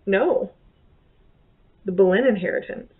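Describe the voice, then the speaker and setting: An unhurried woman with a mid-range voice, in her thirties, discusses what she read this month for her book vlog. She rambles and backtracks in a relaxed way from a bedroom or home office, and the desk webcam gives a tinny, phone-like sound.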